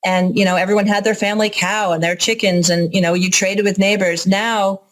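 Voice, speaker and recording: A woman's voice: medium pitch, steady tone, brisk, low-quality recording. A woman with an American accent speaking as an interview guest, informal and candid as she explains things. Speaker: interview guest, organic farmer and educator. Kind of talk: conversational interview answers.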